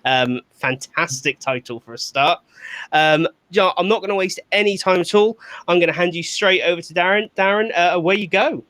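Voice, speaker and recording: Bright-voiced man hosting an online event. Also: high voice. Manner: brisk handover. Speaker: event host. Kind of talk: introducing a speaker.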